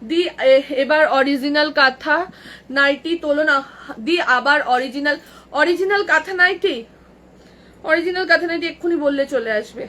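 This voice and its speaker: A woman running a live clothing sale, briskly calling out prices over and over and chatting with helpers and viewers through an earbud mic. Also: sits high, a bit bright, a little hiss or hum. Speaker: boutique owner selling clothes live. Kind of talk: live sales patter.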